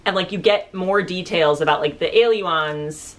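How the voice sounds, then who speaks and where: A woman's voice: on the low side, moderate pace. A woman co-hosting a book discussion, talking in a rambling, informal way full of filler words. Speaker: co-host of a book review show. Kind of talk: casual book discussion chat.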